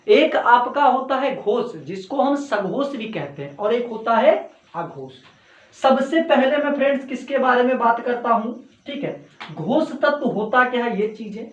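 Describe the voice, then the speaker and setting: A male Hindi teacher giving an online class lecture, drilling students with repeated questions and answers. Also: very high-pitched. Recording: echoey, dull lo-fi room sound.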